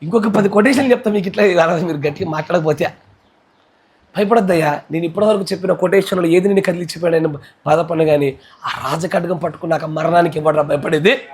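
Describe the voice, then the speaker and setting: Fervent high-voiced Telugu-accented male pastor. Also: quick pace. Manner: fervent preaching, swings between shouting and low intensity. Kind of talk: sermon.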